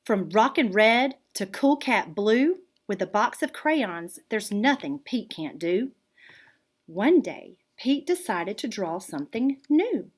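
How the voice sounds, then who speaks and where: An art teacher reads a children's picture book aloud, her medium-pitched voice expressive and deliberate in true storytelling style.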